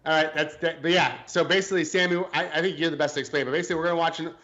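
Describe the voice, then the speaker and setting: A man's voice: fairly high pitch, fairly even intonation, very fast, sharp tone, dull audio. A man co-hosting a casual sports podcast, hesitant and joking, often restarting his sentences. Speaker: podcast co-host.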